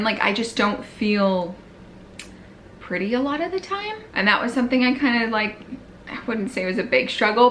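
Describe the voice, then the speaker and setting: A woman's voice: mid-range voice, fairly bright tone, a little hiss or hum. A young woman casually recapping her pregnancy on a vlog, slightly out of breath, with lots of "like" and fillers. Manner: chatty, filler-heavy, frequent "like". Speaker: vlogger.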